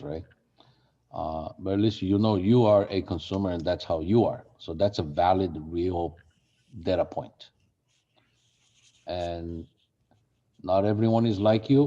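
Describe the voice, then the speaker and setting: A man's voice: deep voice, warm tone, dull audio. A man who grew up in Brazil, leading a real estate marketing workshop in a conversational way and asking the group questions. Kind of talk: interactive workshop teaching.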